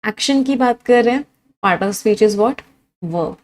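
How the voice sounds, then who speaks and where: Young woman, Indian English accent, fairly high voice, exam-prep vocabulary teacher who repeats and quizzes. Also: expressive, slow pace.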